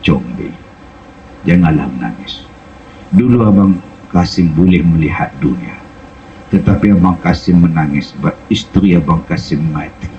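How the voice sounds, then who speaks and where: A gentle blind widower speaks in slow, sorrowful lines, as a preacher puts him on. His voice sits far below the speaker's usual pitch. The recording is a little muffled. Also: lively intonation, a little hiss or hum. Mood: mournful. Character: gentle blind man, grieving widower, old film hero.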